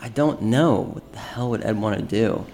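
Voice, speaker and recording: A man's voice: lowish voice, normal speed, a little mellow, slight background noise. A man guest on a podcast, talking casually and hesitantly, with many fillers.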